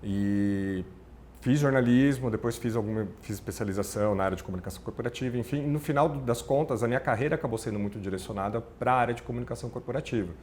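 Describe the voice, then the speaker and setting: A middle-aged man from the ABC region of São Paulo, Brazil, speaks Brazilian Portuguese with that local accent as a podcast guest who works as a communications manager. His mid-range voice has a darkish tone and he talks fast, rambling casually through an interview chat with lots of self-corrections. There's a little hiss or hum in the recording.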